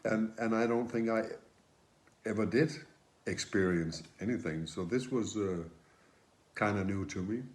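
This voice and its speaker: Slow, hesitant man telling a story. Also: on the low side, a little mellow. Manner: hesitant, self-deprecating, laughs between words. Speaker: chateau guest. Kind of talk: casual chat to camera.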